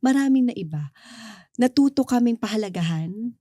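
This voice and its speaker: A woman's voice: fairly high pitch, lively intonation, moderate pace, dark tone, dry recording, studio quality. A middle-aged Filipino woman with a Filipino accent, earnestly sharing a faith testimony as an interview guest and mixing English into her Tagalog. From Philippines.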